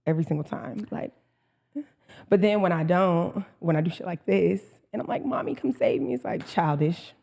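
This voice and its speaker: A young woman co-hosts a podcast and tells a story in loose, casual chat. She is animated and swears freely. She slips into the voices of the people she quotes. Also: fairly low pitch, moderate pace, gravelly. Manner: animated and profane, quotes others in dialogue. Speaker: podcast co-host.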